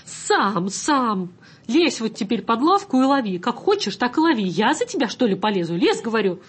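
A woman doing a shrill, bossy young train conductor. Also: sing-song, moderate pace, breathy edge. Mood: scolding. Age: young adult. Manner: scolding, shrill.

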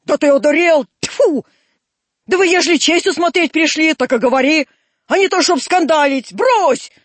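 A woman voicing a gruff one-eyed old male waterworks keeper in a storybook reading, hoarse and scolding. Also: sits high, moderate pace, dry recording, voice pushed up, close to an everyday voice. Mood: exasperated. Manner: shouting and scolding.

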